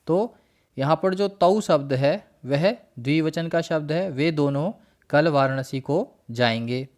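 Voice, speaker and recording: A man teaching a worksheet lesson, reciting word lists in a slow, measured way and then explaining each one. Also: a little high.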